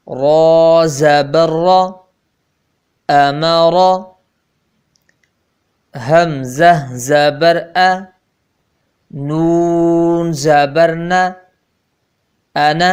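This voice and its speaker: A man teaching Quran reading, sounding out each letter and vowel mark before joining them into words. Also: a little high. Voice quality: clear, crisp voice. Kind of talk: slow syllable-by-syllable recitation lesson.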